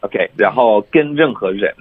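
Husky male teacher over a tinny line. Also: lowish voice, expressive, moderate pace. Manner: patient, explains pronunciation step by step. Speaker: English teacher. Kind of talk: radio language lesson. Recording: tinny phone-like dry sound.

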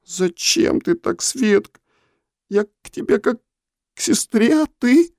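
A man's voice: fairly low pitch, expressive, normal speed, a little mellow, breathy edge, no room sound, clean studio sound. A man voicing a timid, earnest young girl who talks in a hesitant, pleading way.

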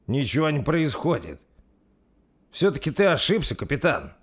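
A man voicing a loyal, hot-headed male warrior who talks with loud emotion in an audiobook story. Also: on the high side, sing-song, moderate pace, husky, voice pushed up. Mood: grumbling. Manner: emotional, shouting.

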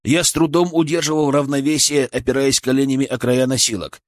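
A man's voice: mid-range voice, little pitch movement, fairly quick, dry recording, clean studio sound. A man reading a fantasy audiobook aloud in tense first-person narration. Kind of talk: scripted narration.

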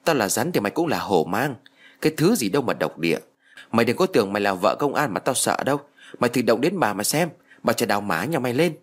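A man's voice: big pitch swings, fast talker. A man voicing a spiteful, foul-mouthed old village woman who curses and wails. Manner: shrill, cursing, wailing.

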